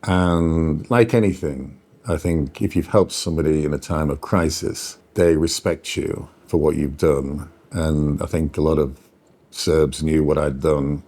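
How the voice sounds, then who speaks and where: Middle-aged man, very low voice, lively anecdotal interviewee. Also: a little slow. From Yorkshire, England. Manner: animated anecdotal storyteller. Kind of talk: storytelling interview.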